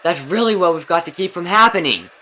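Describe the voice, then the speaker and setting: A man's voice: high-pitched, expressive, fast talker, sharp tone. A man voicing an earnest young horse racer in an emphatic, overacted anime fan dub, explaining as he goes. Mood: earnest, concerned.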